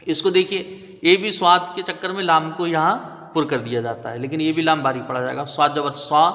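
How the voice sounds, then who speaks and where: A man teaching Quranic recitation, spelling out letters and then slowly chanting each word, often checking with "right?". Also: on the high side, fairly even intonation, fairly bright tone, long reverb tail. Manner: patient, drawn-out chanting of each word, frequent "theek hai?" checks.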